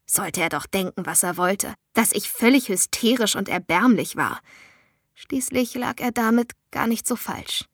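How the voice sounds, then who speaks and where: A woman reading a novel aloud in a measured, intimate first-person narration. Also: medium pitch, lively intonation, slightly rough, no room sound, studio quality. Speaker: audiobook narrator.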